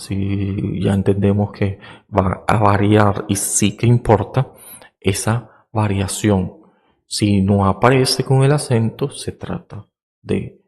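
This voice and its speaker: A man hosting a podcast, giving a slow, reflective philosophical monologue like a teacher, with many fillers and rhetorical checks. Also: lowish voice, creaky, a little mellow, husky. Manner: explaining like a teacher. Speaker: podcast host.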